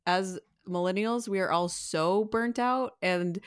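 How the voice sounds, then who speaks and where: A woman's voice: mid-range voice, measured pace, smooth, no echo, studio quality. A woman co-hosting a podcast, musing earnestly in casual chat and leading the questions. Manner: earnest, musing, full of "like" and "I think". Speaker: podcast co-host.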